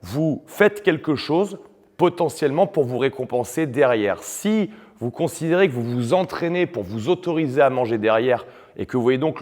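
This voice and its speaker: Male nutrition coach, mid-pitched, combative monologue delivery, reverberant room. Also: darkish tone. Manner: blunt and combative, with frequent "euh" fillers. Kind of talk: opinionated video monologue.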